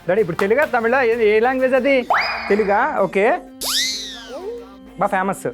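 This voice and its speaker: A man hosting a talk show, teasing his guest in quick, playful banter. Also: sits high. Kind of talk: playful casual chat. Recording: loud music underneath.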